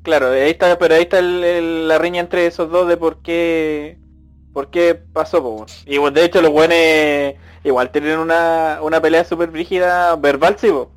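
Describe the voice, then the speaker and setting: A man's voice: fairly high pitch, little pitch movement, normal speed, smooth. A man with a Chilean accent co-hosting a podcast, recounting a story in easygoing, slangy casual chat. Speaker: podcast co-host.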